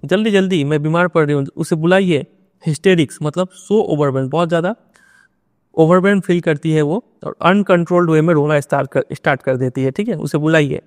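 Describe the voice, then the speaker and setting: A man, working as a teacher, explaining a textbook play line by line. He reads each quoted line slowly, then explains what it means. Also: on the high side, no room sound, studio quality.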